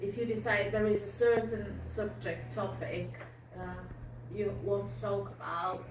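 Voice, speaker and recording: Speaking unhurriedly in a level, medium-pitched voice, a Bulgarian-born police community support officer chats informally with a community group. Her talk is full of fillers and false starts, and the audio comes from a distant mic in a noisy, echoey room.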